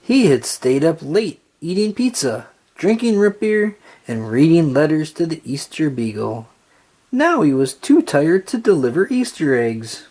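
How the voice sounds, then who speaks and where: With a medium-pitched voice, a narrator tells a children's storybook aloud in a careful, expressive way.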